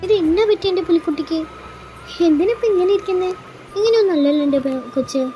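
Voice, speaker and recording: Doting fussy mother voiced by a woman, fan audio drama, high quick voice, music playing underneath. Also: animated, muffled recording. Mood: coaxing. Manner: coaxing, fussing, fast-talking. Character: doting middle-aged mother and aunt.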